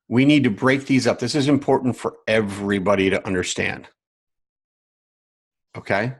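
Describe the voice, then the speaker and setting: A man who coaches other coaches, teaching live online from a screen share, with emphatic repetition and frequent check-ins with viewers. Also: lowish voice. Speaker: business coach.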